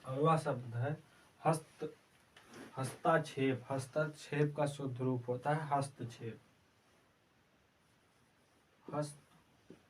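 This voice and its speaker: A man teaching an exam-prep Hindi class, slowly repeating each word several times in a spelling drill. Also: mid-range voice, steady tone. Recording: distant mic with faint background noise.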